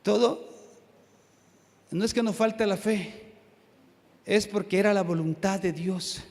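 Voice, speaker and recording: A high-voiced man preaching a sermon in a church sanctuary. He swings between loud, driving passages and soft, hushed asides, and the room's long reverb trails behind him. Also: slow, creaky. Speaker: pastor.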